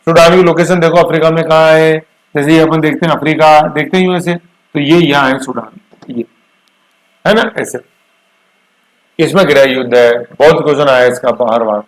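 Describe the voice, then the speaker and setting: A male teacher giving an exam coaching lecture on current affairs, mixing English terms into his explanations and drawing words out slowly to drill pronunciation and spelling. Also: fairly high pitch, steady tone, rough recording. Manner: addresses students with homely asides.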